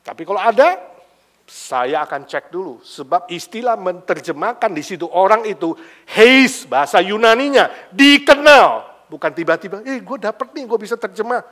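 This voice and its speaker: Male pastor, sermon with anecdotes; bright, animated delivery, wide swings from murmur to emphatic outbursts. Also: sits high, moderate pace. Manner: lively, shifts between hushed asides and loud emphatic bursts; mixes casual slang into preaching. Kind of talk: sermon with storytelling. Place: church sanctuary.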